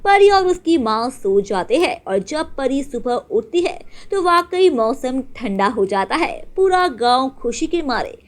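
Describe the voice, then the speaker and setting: A woman narrating a children's story in an animated, sing-song way. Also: high-pitched, measured pace, hardly any pauses.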